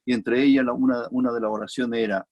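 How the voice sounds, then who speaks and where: Chilean male preacher, husky voice, reflective expository sermon, repeats phrases for weight. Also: mid-range voice, fairly even intonation, fast, darkish tone. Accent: Chilean Spanish.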